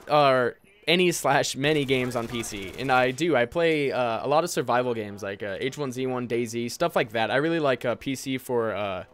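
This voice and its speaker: This man from the United States, aged twenty, makes gaming and airsoft videos on YouTube and is answering viewer questions. His mid-range voice is fairly bright in tone, and he speaks informally and laid-back, often trailing off. There's slight background noise.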